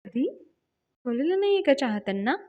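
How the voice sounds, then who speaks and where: A woman's voice: high voice, very animated, brisk, phone-quality sound, voice pushed up. A woman retelling a story and voicing a friendly young man who teases playfully.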